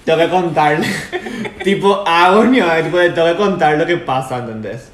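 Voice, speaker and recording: A young man with a Paraguayan Spanish accent, a podcast guest chatting casually and telling a story with animated laughter. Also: on the high side, normal speed, reverberant. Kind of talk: casual chat.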